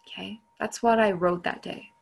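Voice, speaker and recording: A woman's voice: medium pitch, steady tone, moderate pace, creaky. A woman guest speaker sharing personal devotional writing and scripture in an earnest way, repeating for emphasis.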